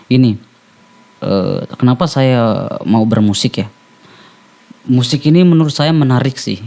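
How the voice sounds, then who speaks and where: Podcast guest: male rapper, halting, restarts a lot, everyday mid voice. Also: mid-range voice, warm tone. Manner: halting, searching for words, frequent restarts. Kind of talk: casual chat.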